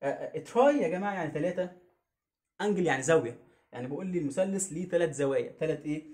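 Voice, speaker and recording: Egyptian guy teaching phonics online, talks fast, drills every word over and over, kinda high voice. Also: lively intonation, darkish tone. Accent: Egyptian Arabic. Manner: drills words by repeating them slowly. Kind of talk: online pronunciation lesson. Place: home teaching setup on camera.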